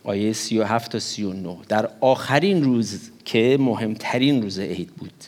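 A man preaching a sermon, teaching with animated rises in emphasis and now and then slipping English words into his talk. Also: lowish voice. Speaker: pastor.

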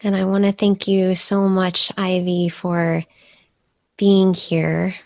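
A woman hosting a podcast, asking slow, gentle guiding questions. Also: on the low side, flat delivery, vocal fry, no echo, studio quality. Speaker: podcast host. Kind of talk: guided meditation and interview.

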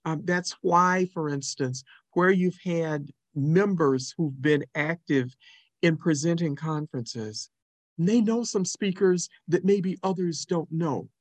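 A man with a voice a touch above the usual male range answers as a guest on a podcast. He talks in a measured, deliberate way and quotes what others have said. The sound is dry and close, on a remote call mic. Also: fairly high pitch, no echo.

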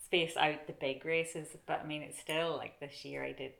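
A low-voiced woman with a north-western Irish accent from Donegal. She chats in an easy, self-deprecating way, with noticeable creak in her voice, like someone swapping stories as an interview guest. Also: steady tone, moderate pace, fairly bright tone. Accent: Donegal, north-west of Ireland. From Donegal, Ireland. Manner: chatty, self-deprecating, often laughs while talking. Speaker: interview guest, mountain runner. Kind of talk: casual chat, telling race stories.

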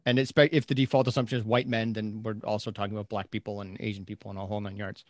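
Man, mid pitch, dry close mic, hedging, laid-back chat. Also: little pitch movement, fast, no echo. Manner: thoughtful, hedging, self-deprecating. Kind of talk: casual conversational chat.

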